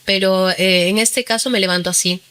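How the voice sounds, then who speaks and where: A woman's voice: mid-range voice, fairly even intonation, normal speed, pushed and bright. A woman in her forties with a Peruvian Spanish accent, a guest recounting her personal testimony in earnest storytelling, with frequent fillers. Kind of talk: testimony interview.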